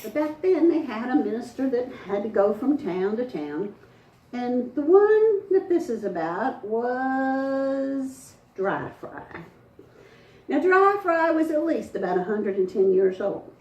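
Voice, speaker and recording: A woman's voice: fairly high pitch, sing-song, takes it slowly, darkish tone, dull audio. A woman storyteller, telling a folktale to a live audience in a folksy, dramatic way. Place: front porch event. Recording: echoey, distant mic, faint ambience.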